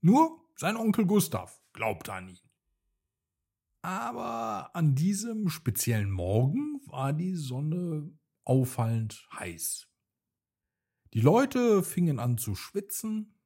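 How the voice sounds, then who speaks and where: Slow, husky male storyteller. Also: a little high. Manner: gentle, expressive reading. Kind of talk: children's story narration.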